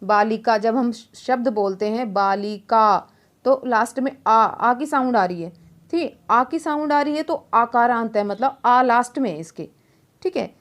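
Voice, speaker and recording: A young woman teaching a lesson in a fairly high voice. She walks through each point slowly, asks questions and answers them herself, and keeps checking in with a quick "okay?". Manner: explains step by step, asking and answering her own questions; says "ठीक है" often to check understanding. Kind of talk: online class lesson.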